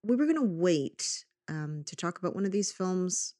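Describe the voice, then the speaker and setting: A woman hosting a podcast in casual chat, telling stories in an animated way, quoting herself and swearing freely. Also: fairly low pitch, normal speed, no echo, clean studio sound. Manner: animated storytelling with self-quotes, swearing. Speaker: podcast host.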